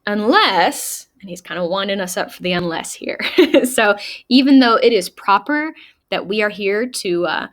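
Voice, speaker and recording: A woman's voice: mid-range voice, animated. A woman teacher explaining a famous speech line by line in a recorded lesson, reading quotes aloud with emphasis. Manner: explains slowly, reads quotes aloud with emphasis, small laughs. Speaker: high school English teacher.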